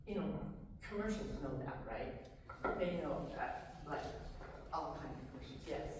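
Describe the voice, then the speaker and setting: A woman presenting a music workshop to adults, lively and animated, often breaking into short sung examples. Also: low voice, normal speed. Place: large echoey hall. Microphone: distant from the microphone. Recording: roomy echo, distant, noisy.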